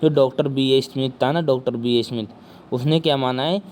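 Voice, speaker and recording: A male teacher giving an exam-prep history lecture, with a sore throat and speaking softly, who keeps asking questions and answering them himself. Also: mid-range voice, fairly even intonation, a little fast, slight background noise.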